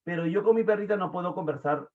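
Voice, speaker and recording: A man from Lima gives an online lesson with a Lima accent, his voice sitting a touch high. He keeps the class involved with questions and plenty of fillers. The sound is thin and tinny, like it comes over a phone. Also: quick pace. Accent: Lima Peruvian Spanish. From Peru. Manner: chatty, asks the class questions, many fillers. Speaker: teacher.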